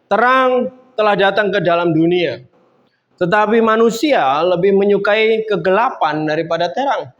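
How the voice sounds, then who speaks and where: A man's voice: sits high, moderate pace. A man preaching a sermon in a casual, conversational way, building up to emphatic points. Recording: dull lo-fi sound.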